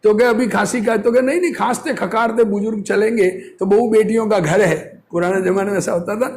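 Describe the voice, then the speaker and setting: A high-pitched male voice with a darkish tone and fairly even intonation moves at a brisk clip. He's a religious teacher reading a discourse aloud, explaining it didactically through repeated phrases and rhetorical questions in a casual sermon.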